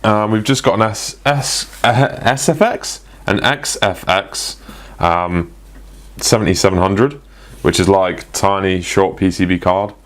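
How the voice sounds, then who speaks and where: A man's voice: low voice, unhurried, fairly bright tone. A young man presenting a casual tech product review, chatty and full of ums and restarts.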